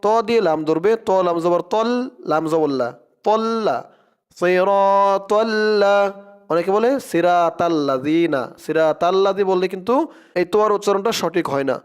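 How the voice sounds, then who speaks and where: A man teaching Quran pronunciation, spelling out each letter slowly and then chanting the verse in long drawn-out tones. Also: sits high, clear, resonant tone. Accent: Bangladeshi Bengali.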